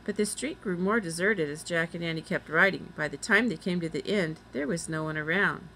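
Woman reading a kids chapter book aloud, lowish voice, steady, faint hiss behind. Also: a little fast, low-quality recording. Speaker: reader. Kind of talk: storybook read-aloud.

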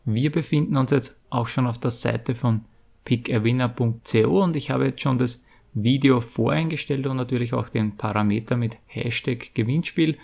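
A man's voice: mid-range voice, gravelly, a little mellow. A middle-aged man, hosting a video and announcing a giveaway in a wordy, informal explaining way. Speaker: YouTube channel host. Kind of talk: scripted giveaway announcement to viewers.

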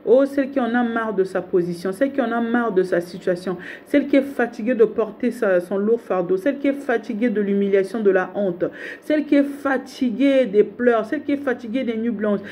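A woman's voice: a little high, brisk, dark tone, a little hiss or hum. A woman preacher delivering a fervent sermon, with repeated exhortations in a rhythmic, building cadence. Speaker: prophetess preaching online.

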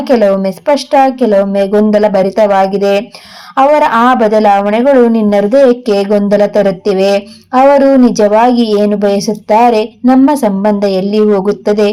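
A woman giving a gentle devotional message in a divine first-person voice, soothingly calling the listener "child" again and again. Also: mid-range voice, clear, resonant tone, rough recording. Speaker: devotional tarot channel host.

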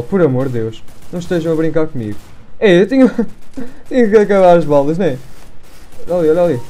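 Brief: young man, European Portuguese accent, gameplay commentary, warm dark tone, bursts of repeated words, gunfire behind. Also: fairly high pitch. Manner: excitable, repeats words in bursts, self-mocking. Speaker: gaming youtuber. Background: gunfire from the game.

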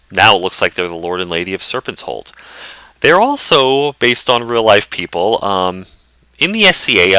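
Low-voiced man doing chatty game commentary. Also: bright, forceful tone, no room sound. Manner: thoughtful, chatty, frequent fillers. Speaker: let's play host.

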